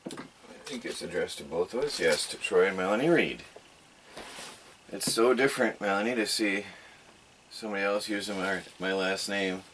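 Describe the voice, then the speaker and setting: A man's voice: lowish voice, moderate pace, pauses often, a bit bright, a little hiss or hum. A middle-aged man in casual chat as a vlogger, laughing often, filmed by a camera across a small wooden cabin living room.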